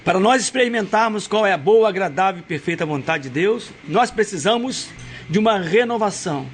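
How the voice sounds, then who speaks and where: A man preaching a sermon, swinging from hushed, slow passages to loud, high shouts, and reading scripture slowly. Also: animated, faint music behind. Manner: reads scripture aloud slowly. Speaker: pastor.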